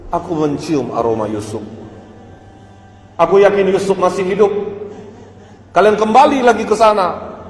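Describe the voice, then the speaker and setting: A man's voice: high-pitched, lively intonation, normal speed, pauses often, pitched above the performer's own voice. A man voicing Prophet Yakub, a stern older father, in a retold sermon story. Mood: hopeful. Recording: echoey hall with faint music.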